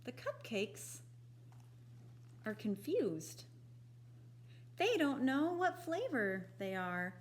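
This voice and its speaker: Reading a picture book to young children, a woman speaks in a high-sitting voice. She is deliberate and expressive, with an instructive tone.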